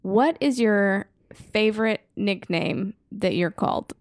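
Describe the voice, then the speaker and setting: A middle-aged woman hosting a casual family podcast, asking her kids questions in a gentle, upbeat way. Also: medium pitch, takes it slowly, dry recording.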